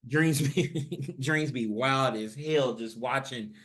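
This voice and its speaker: A young man co-hosting a podcast, telling a story in casual, profane chat and acting out the quotes with a rising voice. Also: slow. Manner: animated, profane, acts out quotes with rising pitch. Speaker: podcast co-host.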